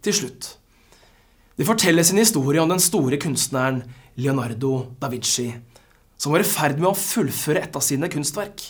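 A preacher delivering a sermon with a husky voice, swinging dynamics and phrases that fall to near-whispers. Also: medium pitch, animated.

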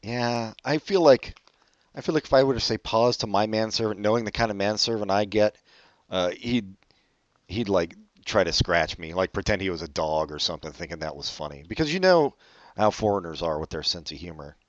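A man's voice: lively intonation, brisk, no room sound, lo-fi sound. A man co-hosting a podcast, chatting loosely about music and rambling as he talks. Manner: loose, rambling, jumps up and drops off in pitch and volume. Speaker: podcast co-host. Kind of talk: casual chat about music.

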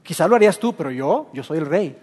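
A man's voice: a little high, animated, quick pace, darkish tone, voice pushed down. A man voicing a proud, stubborn male king who talks in a haughty, dismissive way. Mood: haughty refusal. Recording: long hall reverb.

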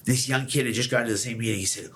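A man's voice: medium pitch, fairly even intonation, rapid-fire, fairly bright tone, breathy edge. A man hosting a casual podcast conversation about recovery, blunt and emphatic, swearing freely. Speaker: podcast host.

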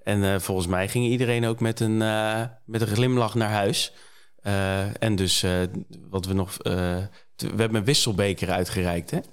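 A man's voice: fairly low pitch, steady tone, moderate pace, few pauses, clean tone. Dutch man hosting with many fillers. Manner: hesitant, many fillers and restarts. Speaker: podcast host. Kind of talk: casual podcast chat.

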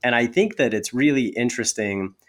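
A man's voice: mid-range voice, brisk. A man working as an interviewer, speaking conversationally and reflecting before asking follow-up questions.

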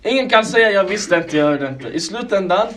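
A man's voice: high-pitched, expressive, a bit bright. A man preaching a sermon, calling his listeners brothers and sisters and pressing them with one rhetorical question after another. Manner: clears his throat now and then.

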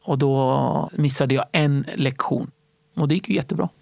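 A man telling stories in a casual interview, animated and fond of acting out other people's voices. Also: mid-range voice, gravelly, dry recording. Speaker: stand-up comedy entrepreneur and guest.

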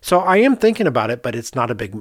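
Quick and medium-pitched with big swings in pitch, the architect drives his casual podcast talk with emphasis and rhetorical questions. It's a dry, studio-quality recording.

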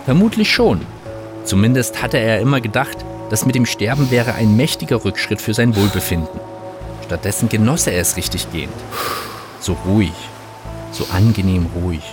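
A man narrating an audiobook in a calm, wry storytelling manner. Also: on the low side, moderate pace. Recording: narration over music.

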